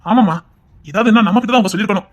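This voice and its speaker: A woman's voice: medium pitch, very fast, darkish tone, natural voice. A woman playing a blunt family elder. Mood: indignant. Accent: Tirunelveli Tamil.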